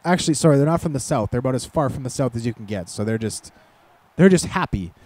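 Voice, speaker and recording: A man's voice: medium pitch, expressive, quick pace, a little mellow, dry recording. A man giving casual, rambling commentary over a football video game, with sarcastic, self-deprecating asides, recorded close on a desk microphone at home. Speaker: gaming commentator.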